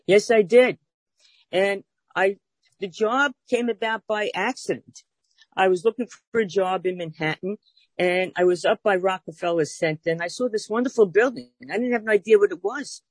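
A Brooklyn woman in her sixties, with the accent to match, tells her life story as an interview guest. She's earnest and plainspoken, using some fillers, and speaks at a normal speed in a mid-range voice on a dry recording.

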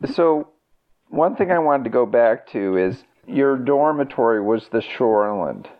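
Slow, crisp, bright-voiced male podcast host. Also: medium pitch, lively intonation, no room sound, highs cut off. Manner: measured, deliberate announcer delivery. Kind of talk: scripted intro and interview questions.

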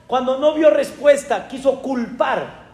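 A man with a Mexican accent, a rabbi telling a story in a sermon with animated, dramatic exclamations. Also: very high-pitched, unhurried, echoey room, in a large hall.

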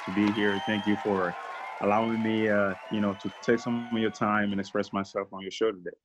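A man's voice: lowish voice, level tone, fairly quick, a little hiss or hum. A man in his twenties with a Togolese accent and French as his first language, answering casually as a podcast guest. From Togo.

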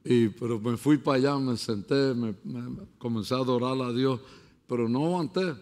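A pastor preaching a sermon and telling stories, dropping to a hush and then building to shouts. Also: male voice, mid-range voice, moderate pace. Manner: storytelling, swinging from hushed to shouting.

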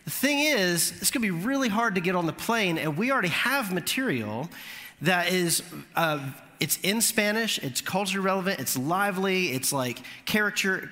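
A man preaching a sermon, telling a lively story and rising in pitch at the funny moments. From Florida. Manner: animated storytelling, voice climbing high at punchlines. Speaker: pastor. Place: church sanctuary. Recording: long hall reverb.

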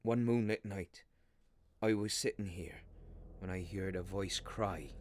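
Playing a haunted railway signalman describing a spectre, an actor performs a Victorian ghost story for radio in a low voice with a little hiss or hum behind it. His storytelling is grave, halting, and intensely dramatic, with hushed moments and anguished bursts.

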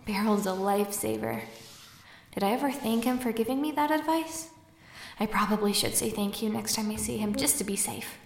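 A woman's voice: mid-range voice, normal speed, vocal fry, lightly acted. A woman playing an awkward, earnest young barmaid in a fantasy audio drama, musing hesitantly. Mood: pensive, anxious. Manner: hesitant, musing, self-doubting. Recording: roomy echo, faint background noise.

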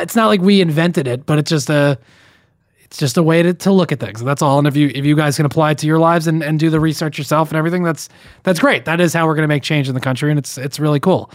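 A man's voice: on the high side, quick pace, no room sound, clean studio sound. A young man co-hosting a podcast, reading listener emails aloud and breaking in with his own comments. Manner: reads emails aloud with running commentary, frequent restarts. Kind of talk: casual podcast chat.

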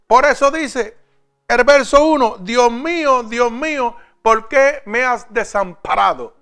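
A man preaching a sermon, first reading scripture slowly and then addressing his listeners directly. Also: extremely high pitch, a bit bright, smooth, faint music behind.

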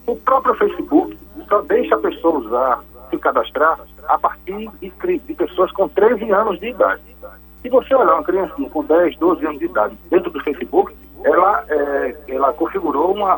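A man calling in to a radio show to explain technology topics, heard over a phone line, speaking in a measured, explanatory way with frequent restarts. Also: a little high, fairly bright tone.

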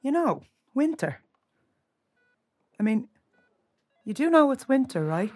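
A woman's voice: high voice, sing-song, takes it slowly, darkish tone, exaggerated voice. A woman with an Irish accent playing a busy, blunt young care worker in a naturalistic audio drama. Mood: matter-of-fact.

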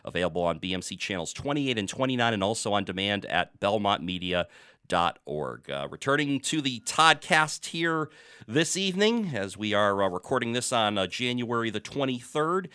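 A middle-aged man from New England hosts a sports talk podcast in a casual, meandering way, often stopping on fillers. His slightly low voice is bright and smooth. The sound is close and dry. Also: expressive, moderate pace, no echo. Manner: chatty, hesitant with many fillers.

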